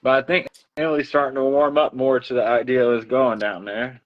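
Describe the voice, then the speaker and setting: A man's voice: mid-range voice, flat delivery, brisk. A man chatting casually on a livestream as its host, telling everyday stories in a talkative way. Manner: chatty storyteller, acts out others' remarks. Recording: dull lo-fi audio.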